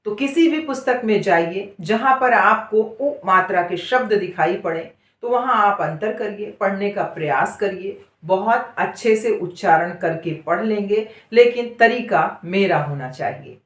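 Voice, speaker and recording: A woman teaching Hindi reading, sounding out each syllable slowly and asking her students questions. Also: mid-range voice, expressive. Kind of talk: slow syllable-by-syllable reading lesson. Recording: echoey room.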